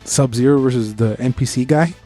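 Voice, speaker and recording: A man co-hosts a podcast, casually chatting about movies with slangy, enthusiastic fan talk. His voice is medium-pitched and mellow, his delivery brisk, with soft music playing behind him.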